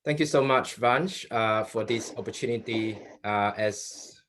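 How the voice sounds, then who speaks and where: This is a young man, hosting an online panel over a video call. His voice sits on the low side, and he talks in a relaxed, rambling way, filling pauses with ums and often restarting his sentences. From Malaysia. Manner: loose and conversational, with many ums and restarts. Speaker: webinar co-moderator. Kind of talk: live webinar hosting.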